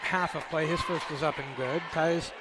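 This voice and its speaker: A man as color commentator at a high school basketball game, adding stats and easy analysis. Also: fairly even intonation, moderate pace, a crowd in the background. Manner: stat-focused, conversational analysis. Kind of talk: live sports commentary. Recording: noisy gym ambience behind.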